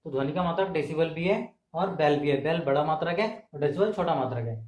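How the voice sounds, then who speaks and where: In an echoey room, a camera mic captures a man teaching an exam-prep class, where he poses questions, answers them himself, and keeps repeating key terms. He's a fast talker with a high-leaning, slightly mellow voice.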